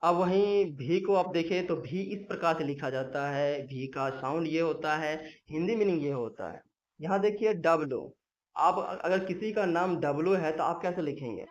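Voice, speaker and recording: A man's voice: fairly high pitch, normal speed. A man teaching English letter sounds in a patient, repetitive, step-by-step lesson. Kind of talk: Hindi-language English lesson. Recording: dull lo-fi sound.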